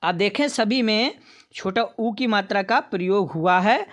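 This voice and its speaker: Woman, teacher, slow deliberate pace, patient, sounds out syllables one at a time. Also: medium pitch, expressive. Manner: patient, addresses viewers as friends. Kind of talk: slow lesson reading syllables aloud.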